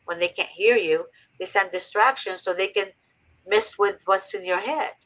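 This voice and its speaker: A woman's voice: medium pitch, moderate pace, a bit bright, rough recording. A woman from Egypt hosting a faith-based advice talk, earnest and preachy with emphatic repetition. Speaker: host.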